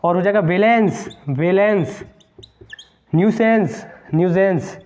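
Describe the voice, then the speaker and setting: Slowly and emphatically, a high-voiced man with a darkish tone teaches English grammar aimed at competitive exams. He repeats words and spells each one out letter by letter.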